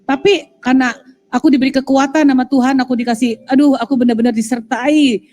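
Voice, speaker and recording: Woman, emotional testimony, halting delivery, highish mellow voice. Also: steady tone. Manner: halting, many fillers and restarts. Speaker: guest sharing testimony.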